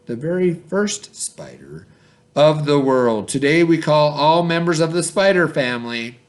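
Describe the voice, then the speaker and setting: In the style of classroom storytelling and review, a male teacher with a moderately high voice reads and explains for children. He's informal, direct and questioning, speaking straight to his pupils in an expressive, unhurried way.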